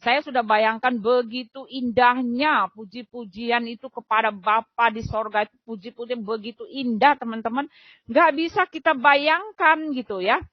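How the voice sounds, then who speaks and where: A middle-aged woman with a high voice shares her faith testimony in an earnest, emotional way, chatting to her friends with loose fillers. The audio is dull and dry, with no room around it. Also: fairly even intonation, normal speed, dry recording.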